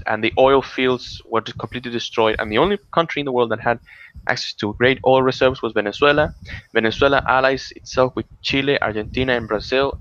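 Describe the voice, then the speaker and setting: Animated storytelling man, dull lo-fi audio. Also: medium pitch. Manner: animated storyteller, many restarts, excited outbursts. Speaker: podcast co-host. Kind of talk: casual political chat.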